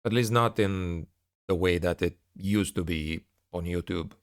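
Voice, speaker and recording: A man with a fairly low voice speaks candidly to his online audience. His delivery is frustrated and sardonic, like a creator airing a grievance in an update. The sound is dry, with hardly any room around it. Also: a little slow, clean tone, no room sound. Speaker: online narrator and content creator. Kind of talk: candid spoken channel update to viewers.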